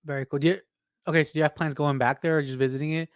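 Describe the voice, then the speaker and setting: A man's voice: on the high side, steady tone, very fast, smooth, no room sound, clean studio sound. A man from Peru, co-hosting a podcast, asking curious questions in casual chat. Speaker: podcast co-host.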